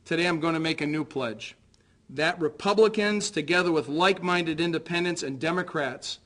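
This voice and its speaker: An American man who is a political candidate delivers a prepared concession speech in a formal, measured, earnest way. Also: fairly high pitch, fairly bright tone.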